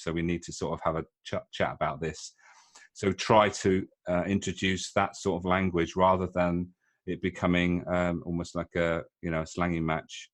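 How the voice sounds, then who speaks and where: A middle-aged man with a very low voice talks casually as an interview guest. He speaks haltingly, with frequent ums and restarts. He is from the UK and is sharing his experience as a leadership coach. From United Kingdom. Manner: hesitant, many fillers and restarts.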